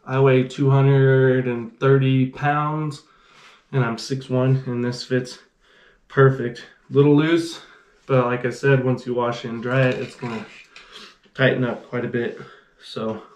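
An unhurried man in his thirties with a mid-range voice and fairly even intonation hosts a laid-back, rambling fishing unboxing vlog. Recorded in a small indoor gear room, the sound is reverberant with a little hiss or hum, and he says "freaking" a lot.

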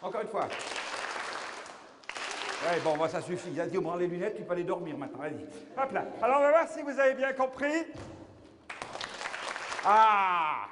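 A man's voice: sits high, lively intonation, brisk, pauses often. An older man performing a children's clown show, silly, exclamatory and playfully muddled, addressing his young audience. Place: large school hall, on stage. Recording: echoey hall, children's crowd noise.

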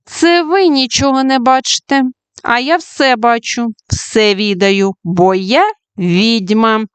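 A woman doing a shrill scolding old witch. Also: slow pace, smooth, no room sound. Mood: suspicious. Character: old witch woman, stern, sly, stingy.

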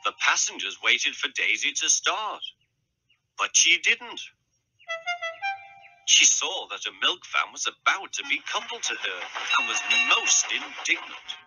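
A man narrating a storybook tale in an expressive, unhurried reading. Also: on the high side, soft background music, rough recording.

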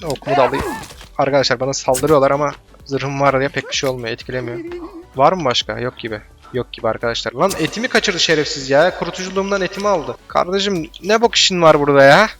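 A man talks his way through a survival game at a brisk clip, chatting straight to his viewers. He gets loud and excited when enemies show up and swears at them. Faint music plays under his voice. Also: medium pitch. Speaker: let's play gamer. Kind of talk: casual gameplay commentary.

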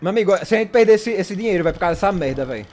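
A man chatting casually while playing a co-op game, excitable and quick to yelp in fright. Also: sits high, faint music behind. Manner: excitable, laughing, yelps in fright. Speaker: gamer. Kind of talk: casual co-op gaming chat. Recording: faint background noise.

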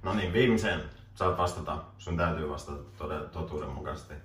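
A man in his twenties with an extremely low-pitched but fairly bright voice hosts a casual, joking interview in a small room. He laughs often and reads questions off his phone. A distant camera mic captures roomy audio with faint hiss.

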